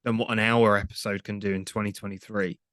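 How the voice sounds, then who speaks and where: A young man with a fairly low voice chats on a podcast, measured and steady, often slowing down as he works through a point. The recording is dry and close. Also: clear, resonant tone, no room sound. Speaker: podcast co-host. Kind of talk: casual chat.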